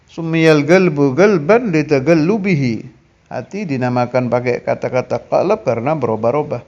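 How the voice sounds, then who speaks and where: A man's voice: fairly high pitch, a little mellow. Male preacher, emphatic teaching tone, lo-fi muffled sound. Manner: earnest, emphatic, with Arabic recitations. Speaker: Islamic preacher. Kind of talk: sermon teaching.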